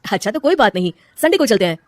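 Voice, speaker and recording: A woman's voice: medium pitch, very animated, fast, darkish tone, dry recording, close to an everyday voice. A woman voicing a patient, loving young husband who talks in a coaxing, pleading way.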